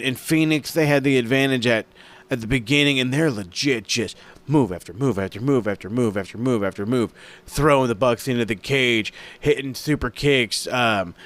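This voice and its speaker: Young male host, loose and profane, rambles with excitement, mid-range voice. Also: mid-range voice. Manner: rambling, swears a lot, excitable. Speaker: wrestling review podcast host. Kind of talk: casual profane recap.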